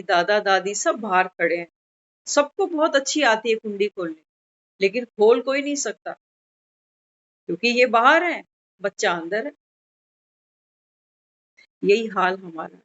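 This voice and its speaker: A woman giving a devotional sermon, telling a parable and acting out the voices of a parent and a child. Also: fairly bright tone. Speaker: spiritual speaker. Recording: dull, muffled low-fidelity recording.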